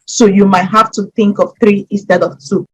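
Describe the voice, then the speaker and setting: A woman's voice: medium pitch, moderate pace, husky, low-quality recording. A woman from Nigeria giving methodical scholarship application advice directly to her viewers. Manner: steady, methodical, advising listeners directly. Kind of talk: instructional explainer.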